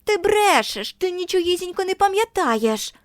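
A woman reading a story aloud, putting on the voices of taunting schoolchildren who shout and jeer. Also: a little slow, no room sound, clean studio sound, full character voice. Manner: shrill, jeering shouts.

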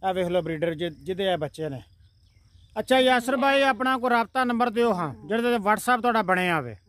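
A man's voice: high voice, expressive, brisk, a bit bright. A male host of a goat farming channel from Pakistan, interviewing a farmer outdoors at his farm, asking questions and repeating the answers back.

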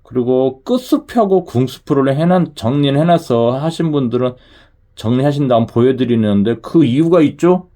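A man speaking a regional Korean dialect hosts a lottery channel, chatting with viewers and repeatedly asking "그죠?" to seek their agreement. His mid-range voice is animated and dark-toned, at a moderate pace.

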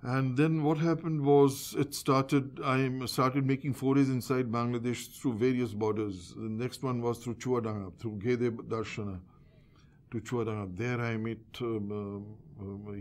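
A man's voice: medium pitch, steady tone, normal speed, darkish tone. An older man from India recalling past events in an oral history interview, talking hesitantly with many fillers and restarts. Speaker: interviewee recalling wartime reporting.

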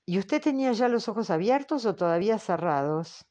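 Formal male interrogator, measured and patient; woman audiobook reader doing him. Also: mid-range voice, expressive, darkish tone, close to an everyday voice. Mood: probing. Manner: slow, formal, questioning. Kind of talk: audiobook character reading.

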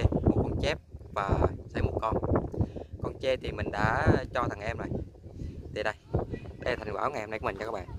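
A young man vlogging his fishing day on a lakeshore, talking to viewers with excitement. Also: mid-range voice, background noise. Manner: excited, addresses viewers often. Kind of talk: casual outdoor fishing vlog. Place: outdoors on a lakeshore.

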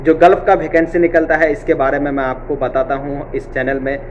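This young man runs a job-vacancy channel and records on a webcam in an office room, speaking casually and reassuringly, with repetition and a frequent "theek hai". Slightly high and a bit fast, his delivery is flat, and the audio is dull with a little hiss or hum.

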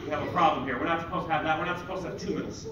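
A man's voice: on the high side, steady tone, racing, muffled recording. A man in his thirties doing playful, jokey kids party magician patter on stage, hyping up the children. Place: library auditorium stage, indoors. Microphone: distant audience camera. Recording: roomy, noisy hall recorded from far off.

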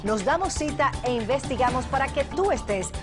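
A woman's voice: high voice, lively intonation, normal speed, over music. A woman reading an upbeat, polished promotional voice-over for a TV show.

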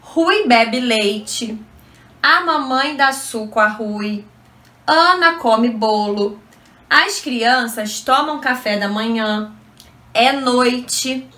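Slow, clear-speaking Brazilian woman teacher. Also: on the high side. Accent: Brazilian Portuguese. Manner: reads words slowly and clearly, warmly affectionate with children. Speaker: first-grade teacher. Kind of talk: slow, clear classroom lesson. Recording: echoey room.

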